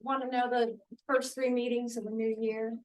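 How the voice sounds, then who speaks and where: Higher-voiced woman, slightly distant. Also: level tone, moderate pace, a little hiss or hum. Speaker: meeting organizer. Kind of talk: informal announcements. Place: meeting room. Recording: distant room mic.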